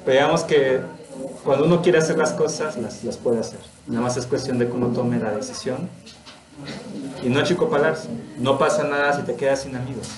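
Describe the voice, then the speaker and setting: A man's voice: mid-range voice, fairly quick, crowd noise. Earnest Mexican man, roomy echo. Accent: Mexican Spanish. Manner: earnest, personal, laughs often. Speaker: religious study teacher. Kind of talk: informal spiritual talk.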